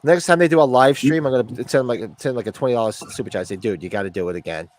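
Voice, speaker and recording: Speaking rapid-fire at a medium pitch, a man in his forties jokes and swears while rambling in casual conversation. Allergies leave his voice sniffly.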